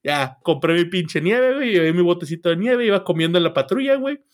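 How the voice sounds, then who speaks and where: Slangy Mexican man with a raised pitch. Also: lively intonation, fast talker. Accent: Mexican Spanish. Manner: profane slangy storytelling, constant filler words. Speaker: podcast co-host. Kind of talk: casual storytelling chat.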